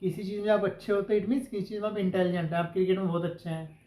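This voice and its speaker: A man's voice: high voice, steady tone, rapid-fire, echoey room, a crowd in the background, poor audio. A male English teacher giving a classroom grammar lesson, asking the class questions and spelling out example sentences word by word.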